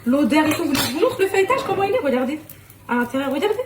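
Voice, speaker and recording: Excitable chatty woman vlogging on a phone. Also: high voice, racing, heavy background noise. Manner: chatty and excitable, addresses followers directly, laughs often. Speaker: lifestyle vlogger. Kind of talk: casual phone vlog chatter. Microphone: phone held at arm's length.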